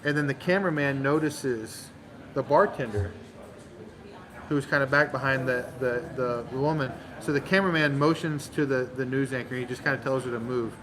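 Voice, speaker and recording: A man hosting a channel, telling a long joke in casual storytelling style, animated and full of dramatic pauses. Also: medium pitch, low-quality recording. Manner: animated, dramatic pauses, acts out crowd voices. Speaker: channel host.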